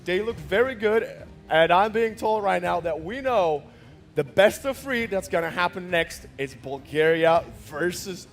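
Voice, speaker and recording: A man's voice: sits high, expressive, unhurried. A man hosting a live esports broadcast, giving commentary and recap of the match. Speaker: esports caster and host.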